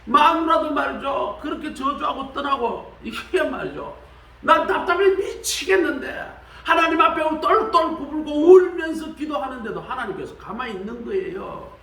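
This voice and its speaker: A man preaching a sermon in a colloquial, animated way, acting out the voices he quotes. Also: normal speed, vocal fry, echoey room, distant mic, poor audio. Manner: animated, acts out quoted voices with shifts of pitch; colloquial, repeats "말이죠". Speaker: pastor. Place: church sanctuary.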